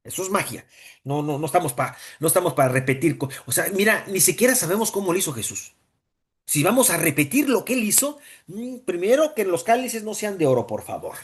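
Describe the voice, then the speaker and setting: Priest guy giving a loose teaching talk, middle-aged, animated, repeats himself a lot, voice jumps all over. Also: sits high, brisk. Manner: animated, acts out voices, frequent repetitions.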